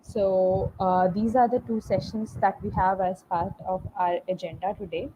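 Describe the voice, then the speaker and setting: A woman's voice: mid-range voice, steady tone, moderate pace, warm tone. A woman with an Indian accent hosts an online meetup, introducing speakers over a video call. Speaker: meetup host. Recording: dull video call with faint noise.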